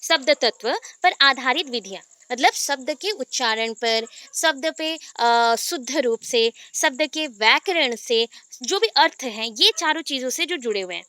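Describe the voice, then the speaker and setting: तेज़, ऊँची आवाज़ वाली महिला शिक्षिका. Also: female voice, high-pitched, animated, a little slow, bright, forceful tone, dry recording. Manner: questioning, drills syllables aloud. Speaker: teacher. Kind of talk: online class lecture in Hindi pedagogy.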